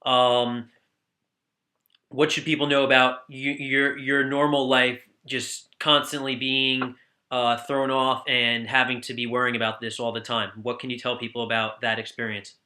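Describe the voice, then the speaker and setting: Bright-voiced man hosting a chat. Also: medium pitch, flat delivery, a little slow. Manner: rambling questions full of "like". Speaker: host. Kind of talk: casual interview chat.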